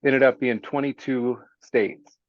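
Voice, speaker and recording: A man being interviewed as a guest, talking in an easygoing, plain-spoken way with many pauses. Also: medium pitch, fairly even intonation, dry recording, highs cut off. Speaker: guest, small business owner. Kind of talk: casual interview chat.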